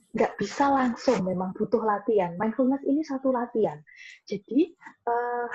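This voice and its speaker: Her voice is on the high side, warm with a breathy edge, though the high frequencies are cut off. Speaking over a video call as a mental health webinar guest, she reassures listeners, repeats her main points, and handles audience questions.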